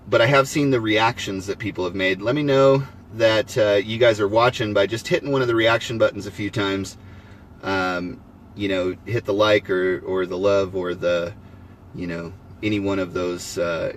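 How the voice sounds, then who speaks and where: A man's voice: fairly low pitch, fairly even intonation, normal speed, slight background noise. A man hosting a casual live stream from his homestead, rambling and acting out both sides of conversations. He has the hiccups. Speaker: homesteading livestream host.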